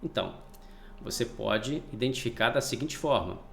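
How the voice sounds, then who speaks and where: A man's voice: medium pitch, moderate pace, creaky, slight background noise. A man teaching a spelling lesson for exam prep, asking questions and then answering them himself. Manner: lively, asks and answers his own questions.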